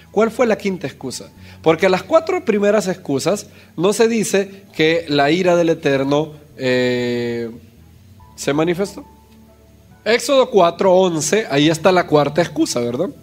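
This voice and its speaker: High-voiced male preacher telling a story. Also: expressive, moderate pace, darkish tone, faint music behind. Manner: storytelling, asks the congregation questions. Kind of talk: sermon.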